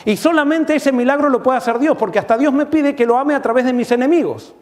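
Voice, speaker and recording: High-voiced preaching man in a reverberant hall. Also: fast, a little mellow. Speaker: pastor. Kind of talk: sermon.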